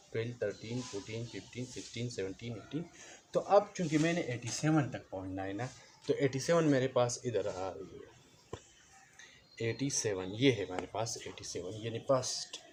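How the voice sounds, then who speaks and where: A man teaching a math lesson, explaining slowly, repeating each step and counting aloud. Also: mid-range voice, darkish tone. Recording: noticeable background noise.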